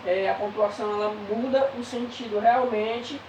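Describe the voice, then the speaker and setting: Brazilian woman, a schoolteacher with a slightly high voice, slow and hesitant, recorded off-mic in an echoey room. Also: steady tone, darkish tone, distant mic, a little hiss or hum. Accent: Brazilian Portuguese. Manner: slow, hesitant, many drawn-out fillers. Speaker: primary school teacher. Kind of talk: recorded remote lesson.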